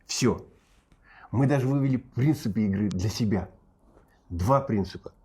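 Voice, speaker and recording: A man who teaches pantomime, explaining his methods and leading an exercise in an energetic, instructive way with short, emphatic phrases. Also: lowish voice, normal speed, slight background noise. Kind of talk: explaining and running a drama exercise.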